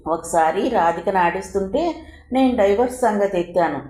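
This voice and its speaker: A woman narrating a novel as a first-person letter, in a measured and emotive reading style. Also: medium pitch, animated, mellow, roomy sound. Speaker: audiobook narrator.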